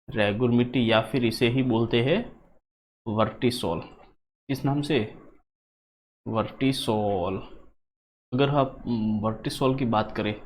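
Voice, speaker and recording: A man teaches a geography lesson for exam takers, repeating each point and quizzing the class in return. His voice sits at an average pitch and comes through a dull, low-fidelity recording with faint hum behind it.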